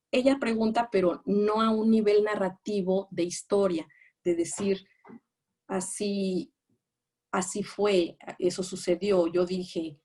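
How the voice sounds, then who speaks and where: A woman's voice: medium pitch, darkish tone. A woman giving a psychology lecture, explaining patiently and often checking that her listeners follow. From Mexico. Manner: explanatory, checks understanding with rhetorical questions; reads out quoted phrases in raised, acted tones. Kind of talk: lecture on attachment narratives.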